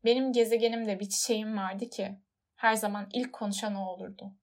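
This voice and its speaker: A woman reads a storybook aloud in a measured, expressive narrating voice. Her pitch sits in the middle range and her delivery stays steady and even. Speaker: audiobook narrator.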